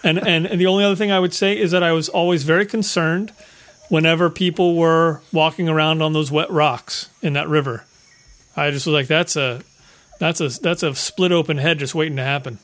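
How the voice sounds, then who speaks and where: A man with a fairly high voice talks through a film in casual podcast banter. He jokes freely and rambles, often repeating words as he works out a thought. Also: fairly even intonation, a little fast, a bit bright. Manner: joking, rambling, repeats words while thinking. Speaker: podcast co-host. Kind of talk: casual movie-review chat.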